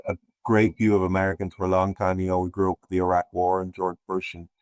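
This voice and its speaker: A man's voice: low-pitched, completely flat delivery, quick pace, a little mellow, clean tone, no room sound. A man from Ireland, a podcast guest talking in a meandering, hesitant way with many restarts. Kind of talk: casual conversation.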